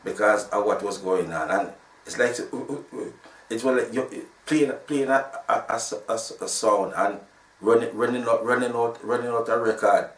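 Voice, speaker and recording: A man's voice: lowish voice, normal speed, fairly bright tone, recorded from a distance. A man in his sixties from Jamaica, with a Jamaican accent, telling his story in a rambling way full of restarts. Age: 60s. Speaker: sound system founder. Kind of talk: casual interview talk. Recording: roomy, from off the mic.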